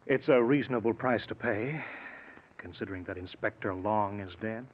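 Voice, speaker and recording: An actor playing a ruthless, domineering scientist in an old radio thriller, straining through the pain of a broken bone. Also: male voice, fairly low pitch, normal speed, lightly acted. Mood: pained, strained. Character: ruthless, cold-blooded invisible-man scientist, domineering brother. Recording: muffled, noisy old radio recording.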